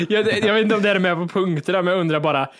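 Wry higher-voiced podcast man. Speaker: podcast host. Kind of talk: casual chat.

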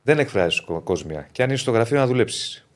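A man's voice: medium pitch, sing-song. A man hosting a casual podcast, moderating chat in a firm, lecturing way that repeats itself.

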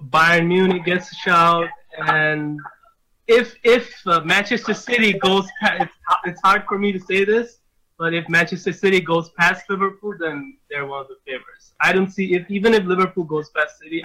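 Man, caller from Bangladesh, bright tone, emphatic, casual phone chat. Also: a little high, normal speed, poor audio. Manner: opinionated and emphatic.

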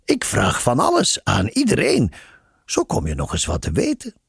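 A man's voice: low voice, sing-song, takes it slowly, vocal fry, a little mellow, slightly rough, no echo, clean studio sound, full character voice. A man voicing a playful, patient nun who teases knowingly. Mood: teasing. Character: teasing, patient older nun, woman.

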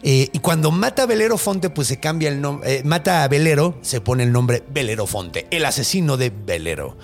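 A man's voice: mid-range voice, expressive, normal speed, soft background music. A Mexican man hosting a podcast, retelling a Greek myth in a slangy, joking way and laughing often. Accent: Mexican Spanish. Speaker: podcast host.

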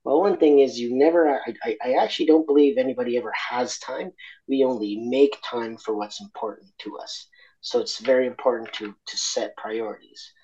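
This is a medium-pitched, slightly mellow man from Argentina, opening up candidly in an interview. He pauses to reflect, stumbles into fillers and starts over a lot, and the recording has its highs cut off.

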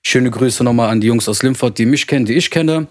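A man's voice: medium pitch, brisk, dry recording, clean studio sound. A man, telling his story casually in colloquial street slang. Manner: colloquial street slang, addresses listeners as brother. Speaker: podcast co-host. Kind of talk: casual chat, personal storytelling.

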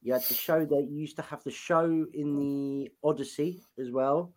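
A man's voice: on the high side, fairly even intonation, normal speed, darkish tone, rough recording. Chatty man, rambling podcast co-host. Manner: rambling, chatty, lots of ums. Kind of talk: casual chat.

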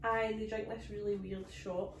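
Scottish woman, comedy podcast co-host, mid-pitched, quick teasing chat, distant phone mic with light hiss. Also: flat delivery. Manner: teasing, chiming in with quick quips. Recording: echoey room, phone held off-mic.

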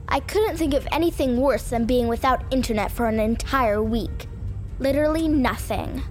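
A woman playing a sulky, dramatic girl who narrates her own audio drama story in an indignant, whiny, exasperated way. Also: sits high. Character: sulky, dramatic homeschooled girl, phone-obsessed camper.

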